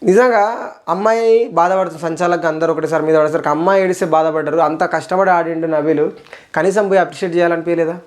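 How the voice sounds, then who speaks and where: A man's voice: fairly high pitch, fairly even intonation, fast. A young man with a Telangana Telugu accent reviewing a reality show episode in a casual, indignant rant, repeating phrases for emphasis.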